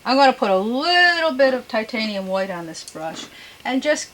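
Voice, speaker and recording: A woman giving an unscripted painting demonstration as a gentle instructor, with homely, folksy, chatty asides. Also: a little high, big pitch swings, normal speed, a little hiss or hum, low-quality recording. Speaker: painting instructor and show host.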